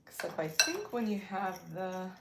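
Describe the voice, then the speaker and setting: Here a lifestyle channel host runs a relaxed cooking stream from home, pausing uncertainly and musing aloud while she works. Her medium-pitched voice has a sing-song lilt and a measured pace. Heavy background noise fills the echoey kitchen, mostly clattering dishes and cutlery.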